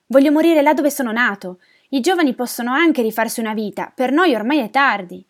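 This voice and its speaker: A grieving old refugee man speaks up loudly in a lament, his voice lifted higher than the telling around him, as a woman narrator puts him on. The sound is that of a spoken storybook reading. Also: expressive, brisk.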